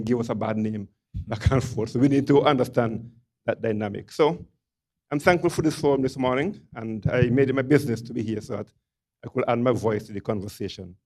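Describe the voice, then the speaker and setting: A man's voice: mid-range voice, a little mellow. Older Nevisian man addressing a forum. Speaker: doctor, audience speaker. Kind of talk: public comment at a forum. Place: forum room, among seated audience. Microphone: handheld microphone.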